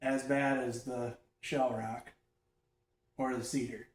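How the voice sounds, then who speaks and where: A man's voice: mid-range voice, level tone, takes it slowly, a little hiss or hum. A blunt man in easy conversation who laughs readily. He is heard from a distance off a phone, with a roomy echo around his mid-range voice. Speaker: guest. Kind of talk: casual chat. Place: echoey indoor room. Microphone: phone across the room, no mic. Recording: echoey room, far from phone.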